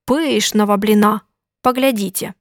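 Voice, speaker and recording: A woman's voice: medium pitch, steady tone, a little slow, no echo, clean studio sound, natural voice. A woman voicing a mother who soothes her hungry children. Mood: soothing. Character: kind mother promising her children pancakes.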